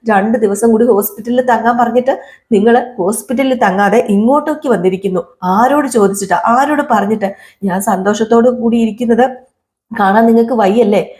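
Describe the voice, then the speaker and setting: Woman playing a resentful young wife, accusing, sharp questions, warm mellow tone, soap recap. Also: a little high, brisk, natural voice.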